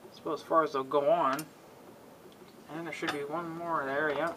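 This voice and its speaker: A man hosts a casual, rambling demonstration of assembling an antenna, folksy and half muttering to himself with mild exasperated cussing and frequent throat clearing. His voice is on the high side, flat, sharp and moderately paced. The homemade recording is clearly noisy, with clicks.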